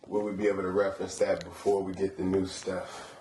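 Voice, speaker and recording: A man's voice: low-pitched, little pitch movement, a little fast. A man hosting a casual interview, prodding his guest in informal, slangy language. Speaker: interviewer, host. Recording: echoey room with faint background noise.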